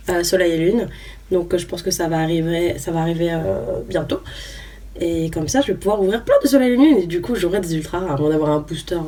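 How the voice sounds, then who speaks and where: Opening trading cards on YouTube, a young woman reads out every card name in a casual, hesitant chat laced with fillers. Her voice is fairly low and darkish, picked up a bit far from the mic with faint background noise.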